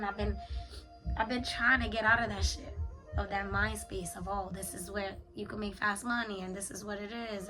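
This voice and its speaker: A woman's voice: mid-range voice, rough recording. A woman talking candidly in a confessional vlog, with a raw, unfiltered, sweary and slangy way of speaking. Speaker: vlogger, spiritual journaler.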